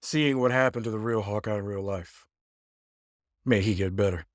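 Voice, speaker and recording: A man co-hosting a podcast in casual chat, joking and asking deliberate questions. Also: lowish voice, no echo, clean studio sound. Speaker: podcast co-host.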